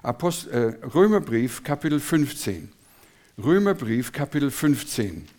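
A man preaching a sermon, slow and emphatic, with dramatic swings in his delivery. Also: medium pitch, sing-song, a little mellow.

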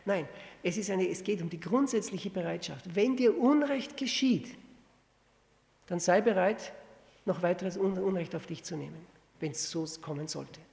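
A man preaching a sermon, teaching with rhetorical questions and reading scripture slowly and deliberately. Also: sits high, creaky, darkish tone. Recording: long reverb of a hall.

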